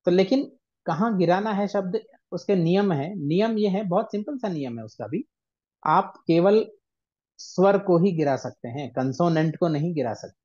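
A man teaching a ghazal-writing workshop, patiently counting syllables aloud and reciting lines of verse slowly. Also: sits high, lively intonation, dark tone, dull audio. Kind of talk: online workshop lesson.

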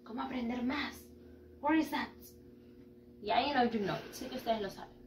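A woman teaching English to schoolchildren, going slowly through repeat-after-me drills and mixing English and Spanish with frequent praise. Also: on the high side, a little hiss or hum. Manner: slow, drawn-out drilling with repeat-after-me prompts; switches between English and Spanish, praising often. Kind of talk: bilingual classroom teaching video. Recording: echoey room, mic at a distance.

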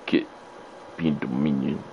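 A man's voice: very deep voice, steady tone, measured pace, highs cut off, noisy background. A trash-talking male game streamer. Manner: profane trash-talking at opponents; loose, casual slang. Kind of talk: live gameplay commentary.

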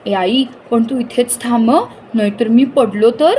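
A woman's voice: a little high, a little slow, dark tone, a little hiss or hum, close to an everyday voice. Woman voicing a whiny bored little boy. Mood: excited. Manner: whining, pleading.

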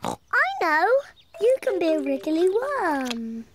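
A woman's voice: sits high, very animated, takes it slowly, background noise, exaggerated voice. A woman voicing a cheerful little girl piglet in a cartoon, bubbly and giggly, a little bossy. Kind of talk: cartoon voice acting.

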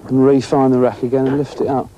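A man's voice: medium pitch, quick pace, a little hiss or hum. A middle-aged man hosting an angling show, chatting and commenting on the catch as he fishes from a boat at sea. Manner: chatty, excitable, talks while fishing. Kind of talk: casual on-location commentary.

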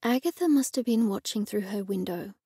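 A woman narrating a novel in a gently expressive, scripted audiobook style, recorded close and dry in a studio. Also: mid-range voice, a little fast, slightly rough, no room sound.

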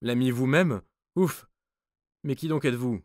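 A man's voice: medium pitch, unhurried, a little mellow, dry recording, clean studio sound, pitched above the performer's own voice, lightly acted. A man voicing a frightened male palace guard who asks his questions in a raised, shaky voice.

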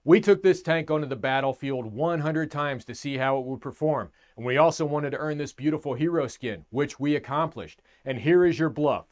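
American man with a fairly high voice. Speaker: host of tank game reviews. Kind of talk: scripted review narration.

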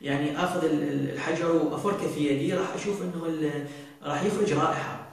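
A man talks through viewer questions, pausing often on long drawn-out fillers. His voice sits a little high for a man and sounds set back from the microphone in a very reverberant room. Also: steady tone. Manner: hesitant, many drawn-out fillers and restarts. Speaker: astrologer answering viewer questions. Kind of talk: casual talk show monologue. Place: indoor studio set at a desk. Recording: very roomy, from far off the mic.

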